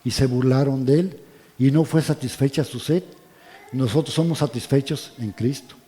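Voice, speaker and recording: Man, Bible study preacher, mellow voice, long church reverb. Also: mid-range voice, normal speed. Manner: asks the congregation questions, checks in with "¿verdad?"; drops to soft, quiet tones on solemn points.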